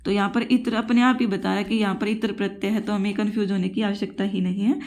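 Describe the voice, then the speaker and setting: A woman's voice: mid-range voice, level tone, fast, a little mellow. A woman teacher giving a Sanskrit grammar lesson for exam preparation. She repeats each rule, asks the class questions and calls her students children.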